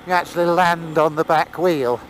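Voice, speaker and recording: Excitable man talking inside a helmet. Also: on the high side, moderate pace, slight background noise, low-quality recording. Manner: excitable, whooping and laughing. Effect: talking inside a motorcycle helmet. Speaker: dirt bike rider filming his ride. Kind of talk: casual commentary while riding. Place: outdoors on a muddy dirt trail.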